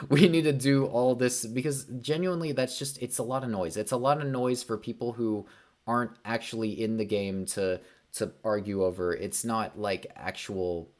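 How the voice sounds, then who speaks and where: A young man hosting a casual livestream, rambling through opinions with many ums, likes and restarts. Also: fairly low pitch. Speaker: livestream host.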